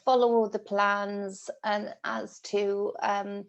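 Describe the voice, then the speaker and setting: A sniffly, congested British woman reads tarot in a casual spiritual vlog monologue, speaking extremely slowly. Her medium-pitched voice holds a level tone, and she rambles, full of ums and restarts.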